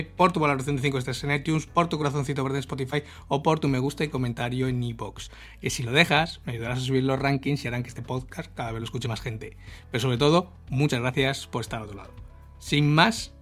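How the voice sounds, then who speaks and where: A man's voice: medium pitch, fast talker, fairly bright tone, faint music behind. A man hosting a solo podcast, explaining in a casual, chatty way with asides. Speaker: podcast host.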